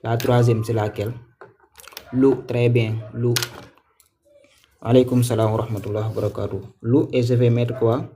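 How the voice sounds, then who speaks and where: A man teaches a live online class, repeating himself patiently and putting questions to his viewers. His voice sits at an ordinary middle pitch. Faint noise hangs behind the stream. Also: level tone, moderate pace, long pauses, warm tone. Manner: patient, repetitive, quizzes viewers; thanks viewers by name. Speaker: Quran teacher. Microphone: livestream mic.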